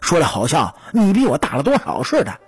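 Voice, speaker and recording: A woman's voice: low-pitched, huge pitch swings, brisk, husky, dry recording, pitched below the performer's own voice, heavily acted. A woman voicing a blunt, curious teenage boy in a storytelling audiobook. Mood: brash curious. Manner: blunt, exclaiming, flustered. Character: brash, curious teenage boy narrator-hero.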